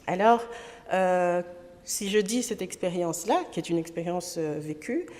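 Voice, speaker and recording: With a medium-pitched, slightly mellow voice, this Congo-born trainer and association president speaks pragmatically at a parliamentary conference. She hesitates frequently, and her words echo with the hall's long reverb.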